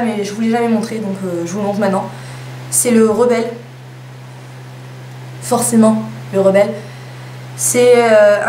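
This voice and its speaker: A woman's voice: medium pitch, a little mellow. A young woman chatting casually through a lipstick haul, with playful self-mocking asides. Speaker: beauty vlogger. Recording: echoey room with faint hum.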